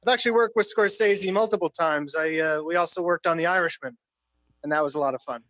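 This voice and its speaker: He's a man in his thirties from New York City, a film worker sharing set stories as a guest in a relaxed interview at home in his apartment. His delivery is casual and filler-heavy, with swearing here and there. He speaks fast in a fairly high, slightly bright voice, with no room sound.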